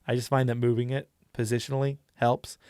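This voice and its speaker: A man's voice: mid-range voice, flat delivery, brisk, mellow, clear, resonant tone, dry recording, studio quality. A young man hosting a casual tutorial, chatty and demonstrative with lots of fillers. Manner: chatty, demonstrative, lots of likes and you-knows. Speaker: YouTube host and dungeon master.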